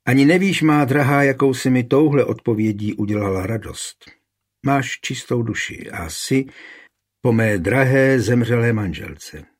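A man's voice: medium pitch, expressive, lightly acted. A man voicing Jan, a tender aging father.

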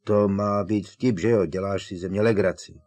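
A man's voice: on the low side, steady tone, a little mellow, lightly acted. Harry, an incredulous teenage wizard, read by a man. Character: puzzled teenage wizard boy, sensible.

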